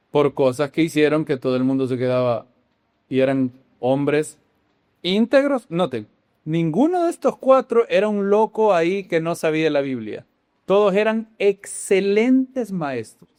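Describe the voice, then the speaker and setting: Guy preaching, really animated, bounces between loud and hushed, asks the crowd questions, dry close mic. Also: a little high, clean tone, no echo. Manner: animated, with sudden swings between loud exclamations and hushed dramatic lines. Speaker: Bible teacher. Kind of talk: sermon-style teaching.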